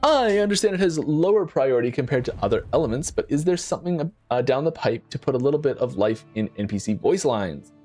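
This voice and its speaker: A man with a mid-range voice and a very lively, bouncing pitch chats casually on a game developer stream. He often stumbles, repeats words and restarts his sentences as he thinks aloud. Faint music plays quietly behind him. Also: brisk, hardly any pauses. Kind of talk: casual livestream chat while playing. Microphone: desk mic.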